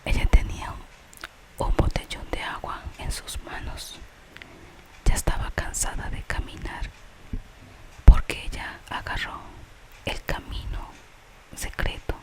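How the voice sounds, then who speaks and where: Slow, whispered ASMR storyteller. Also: low-quality recording. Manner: whispers throughout, slow and unhurried. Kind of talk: whispered ASMR storytelling of a gentle tale with a moral.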